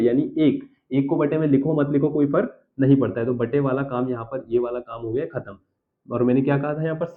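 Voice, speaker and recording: A man teaching a school math lesson, working through each step aloud and often checking in with the class. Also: medium pitch. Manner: talks himself through each step, keeps checking "theek hai sir". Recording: tinny phone-like audio.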